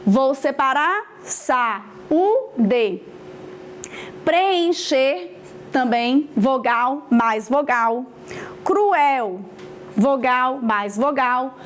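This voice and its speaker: Slow, high-voiced woman teacher. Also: slight background noise. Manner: didactic, repeats key points and checks in with "ok?". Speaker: Portuguese teacher. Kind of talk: online grammar lesson.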